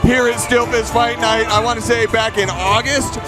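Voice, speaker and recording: A man's voice: very high voice, steady tone, moderate pace, a loud crowd, low-quality recording. A man commentating conversationally on a live MMA event, upbeat and enthusiastic in manner. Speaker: fight commentator. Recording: loud music and noise behind the voice.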